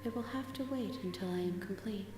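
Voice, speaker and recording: A woman's voice: mid-range voice, close to an everyday voice. Solemn cosmic entity voiced by a woman. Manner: slow, solemn and measured. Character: vast shapeless godlike female entity, calm and ominous. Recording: cavernous reverb over game music.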